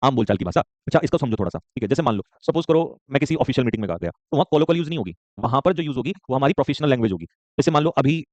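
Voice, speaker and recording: A man teaching a live online vocabulary class, joking and rapid, often checking in with students and calling them son. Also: medium pitch, animated, no echo. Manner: joking, rapid, keeps asking "okay?"; addresses students warmly as son.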